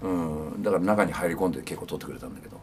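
A man's voice: low-pitched, racing, slight background noise. A man in his fifties, a punk band singer, talking casually and reflectively in an interview with many fillers. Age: 50s.

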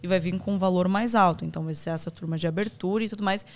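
A woman's voice: fairly low pitch, rapid-fire. A woman with a Brazilian accent, speaking as a podcast guest about her courses and acting out the advice she quotes. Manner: animated, acts out quoted advice. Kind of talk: conversational interview.

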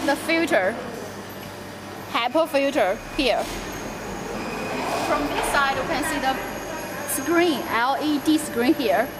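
Speaking slowly and with frequent pauses, a young woman gives an animated guided tour of a factory floor and warehouse. Her voice is high, and she explains each step and points out details. Loud noise fills the echoey hall.

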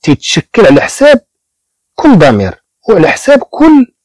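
A man from Morocco who teaches beginners French. He repeats each word slowly and explains it in Moroccan-accented Arabic. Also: high-pitched, huge pitch swings, a little mellow, no echo, rough recording. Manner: slow repetition of words, explaining in Arabic.

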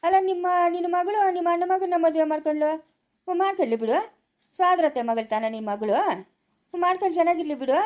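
A woman's voice: very high-pitched, quick pace. A woman playing a kindly, motherly village laborer who soothes and consoles in rural Chikkaballapur Kannada. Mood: consoling. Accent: Kannada, Chikkaballapur rural dialect. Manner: soothing and consoling, repeats hush phrases. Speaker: poor day laborer who shelters a lost girl. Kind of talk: village family skit.

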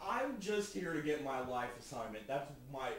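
A man's voice: mid-range voice, big pitch swings, moderate pace, reverberant, recorded from a distance, crowd noise, lightly acted. A man playing a brash sarcastic cop out of time. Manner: sarcastic, blunt.

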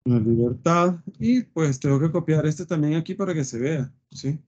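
A man's voice: on the high side, lively intonation, normal speed, a little mellow, husky. A man teaching a live web design coding lesson, thinking aloud with fillers and often checking "¿sí?" with his students. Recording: dull lo-fi screen recording.

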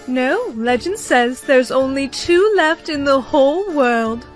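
Woman doing a calm teacher at monster school, high voice, slow patient tone. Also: faint music behind. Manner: measured, patient, addresses students as dear.

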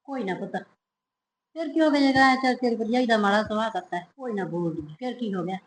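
An actress with a Punjabi accent playing a patient mother who gently consoles her daughter. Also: a little high, fairly quick, slight background noise, lightly acted. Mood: soothing. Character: patient mother, soothing peacemaker. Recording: echoey room.

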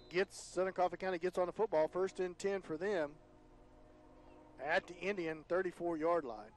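A man calling high school football play-by-play on the radio, his voice climbing higher and louder on big plays. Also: a little hiss or hum. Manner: rises in pitch and volume on big plays. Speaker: play-by-play announcer.

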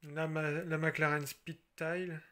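A man from France casually showing his toy car collection, chatty and relaxed, with frequent fillers and restarts. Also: a little high, takes it slowly. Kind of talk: casual show-and-tell.

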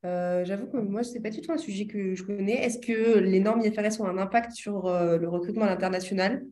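A woman's voice: medium pitch, brisk, dark tone. A woman moderating a panel on a video call, casual and light-hearted.

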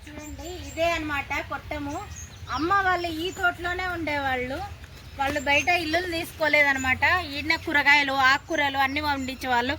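A woman's voice: high voice, steady tone, moderate pace, pushed and bright. A woman, chatting casually to viewers as host of her own cooking channel while out and about. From India. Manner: chatty, addresses viewers directly. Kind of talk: casual travel vlog. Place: outdoors and in a car. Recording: noisy outdoor phone recording.

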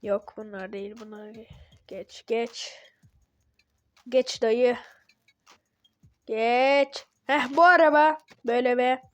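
A woman giving casual gameplay commentary as a channel host, excitable and talking back to the game when things go wrong. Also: a little high, slow, long pauses, no room sound. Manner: excitable, talks to the game, grumbles and yelps at mistakes.

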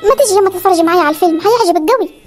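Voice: very high-pitched, rapid-fire, faint music behind. An actor voicing a cheeky, lazy young village daughter in a comedy cartoon, whining and talking back, with an Upper Egyptian accent. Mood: stalling. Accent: Upper Egyptian Arabic. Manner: whiny, talks back, stalls.

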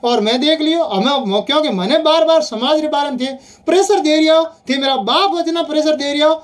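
A high, brisk voice with a Rajasthani accent argues on the phone, heated and insistent, circling back to the same points again and again.

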